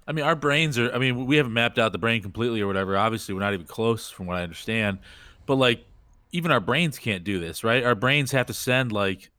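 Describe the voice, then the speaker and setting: A man's voice: mid-range voice, fast, pushed and bright, dry recording. A man chatting on a podcast, asking questions with lots of fillers. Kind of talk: casual podcast chat.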